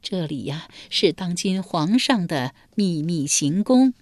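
A woman reader voicing a kindly elderly woman servant, speaking slowly and motherly with sighs, as an audiobook character. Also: fairly low pitch, animated, a little mellow, dry recording. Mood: reassuring. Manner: slow, sighing, motherly.

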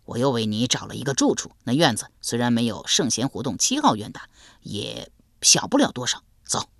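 A woman's voice: a bass voice, sing-song, a little fast, no echo, clean studio sound, voice pushed down, exaggerated voice. A woman voicing a confident, blustering middle-aged man. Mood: hearty. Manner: assured, blustering.

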